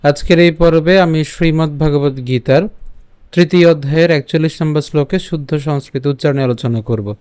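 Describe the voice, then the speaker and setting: A man teaches Sanskrit verse pronunciation, slowly chanting lines and splitting words into syllables before repeating them whole. His voice sits a little high and comes across clean and resonant. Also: fairly even intonation, darkish tone, clean tone, no echo. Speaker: Gita teacher.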